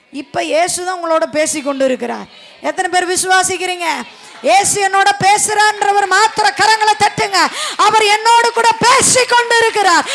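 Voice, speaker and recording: A woman preacher delivering a Sunday sermon with a very high, gravelly voice. She swings from hushed, conversational asides to loud, fervent cries. Recorded at a church service. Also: slight background noise.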